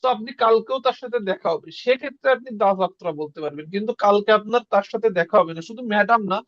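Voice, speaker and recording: Brief: male tutor, high voice, dry and slightly dull recording, casual lesson. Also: a bit bright, dry recording. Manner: conversational, repeats words slowly for learners. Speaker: Russian language teacher.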